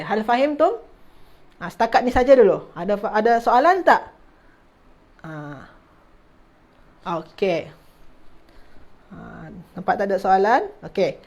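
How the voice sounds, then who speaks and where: A woman with a notably high voice, teaching an online Arabic grammar lesson. She repeats key terms, restarts half-said words and keeps asking if everyone follows. She speaks to her listeners formally as ladies and gentlemen. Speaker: religious teacher.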